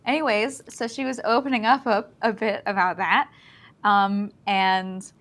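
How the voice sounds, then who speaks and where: A woman's voice: mid-range voice, level tone, unhurried, fairly bright tone. A woman streamer chatting casually and telling a story, with lots of filler words and restarts.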